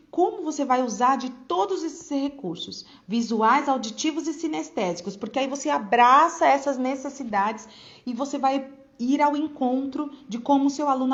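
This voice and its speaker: A woman with a Brazilian Portuguese accent runs an informal online lesson for other teachers. Her voice sits a little high and she speaks with emphatic energy, repeating her main points and often checking that listeners are following. The recording is dull and lo-fi, with the top end muffled. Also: moderate pace. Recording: dull lo-fi sound.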